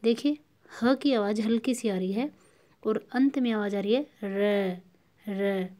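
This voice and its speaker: A woman's voice: fairly high pitch, moderate pace, dark tone. A woman teacher giving a patient lesson to children, drilling sounds by repeating syllables again and again. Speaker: school teacher.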